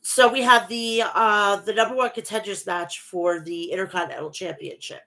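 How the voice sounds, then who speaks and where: The audio is poor as a woman with a bad cold hosts a casual wrestling recap, reading match results and chatting with viewers through a stuffy nose. Her nasal voice is mid-range and sharp, with a steady tone and normal speed.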